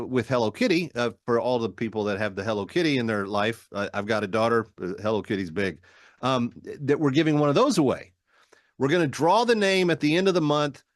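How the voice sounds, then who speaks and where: A middle-aged American man delivers a talk radio monologue. He is emphatic, leaning on short, punchy statements and repeating key phrases. His mid-pitched voice sounds dry and close. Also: no echo. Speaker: radio talk show host. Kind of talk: political monologue and promotional appeals.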